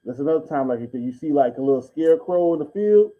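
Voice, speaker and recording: A man's voice: on the high side, rapid-fire. A man chatting casually as a livestream co-host on a remote headset, muffled as if talking from behind a wall. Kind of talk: casual chat. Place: away from home, remote. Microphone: laptop headset on a remote call.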